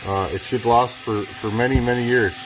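A rotary grinder whirs behind a man at a middle pitch who talks at a normal speed through a relaxed, chatty workshop tutorial on porting a chainsaw. He builds chainsaws and makes self-deprecating asides while working off camera, with the camera close to the workbench in his noisy shop.

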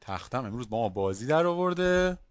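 A male biology teacher giving an online class, lively, asking questions and calling on students by name. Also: medium pitch, clean tone, dry recording.

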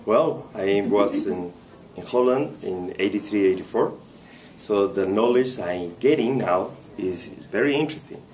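A man from Costa Rica giving a measured, plain testimonial to camera. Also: fairly low pitch, expressive, a little mellow, far from the mic, a little hiss or hum. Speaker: course participant.

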